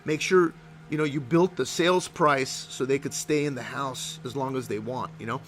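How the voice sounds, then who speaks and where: A man's voice: mid-range voice, steady tone, moderate pace, fairly bright tone, soft background music. A man, a real estate investor, talking casually to camera in a brash, profane way and often checking in with "okay?". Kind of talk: casual vlog talk to camera.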